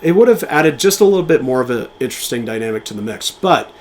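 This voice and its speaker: A man's voice: medium pitch, animated, a little hiss or hum. Enthusiastic man talking movies on a podcast. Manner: enthusiastic, talks in quick bursts with fillers and restarts. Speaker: podcast co-host. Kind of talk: casual film commentary.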